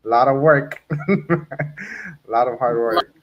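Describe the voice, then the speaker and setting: A man's voice: medium pitch, slow, slight background noise. Chatty male interview host, muffled sound. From New Jersey. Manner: chatty, laughs often, many fillers. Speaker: podcast host. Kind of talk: casual interview.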